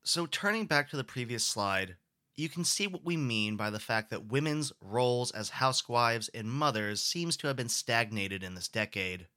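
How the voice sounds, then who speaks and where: Man, history lecturer, explanatory, rhetorical questions, bright crisp voice, dry close sound. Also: mid-range voice, animated, moderate pace, no echo. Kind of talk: recorded lecture.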